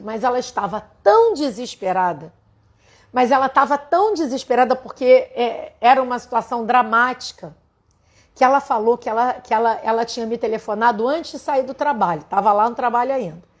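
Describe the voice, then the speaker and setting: A Brazilian woman with a somewhat high voice tells a story in earnest. She speaks with a Brazilian Portuguese accent and talks directly to her listeners, as a spiritual teacher would. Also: lively intonation, a little fast. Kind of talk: storytelling to an audience.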